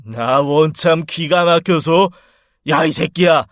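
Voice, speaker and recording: A man's voice: on the high side, slow pace, no echo, clean studio sound. A man playing a hot-tempered, bullying aging father in a radio drama, snapping out harsh, scornful outbursts. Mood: furious.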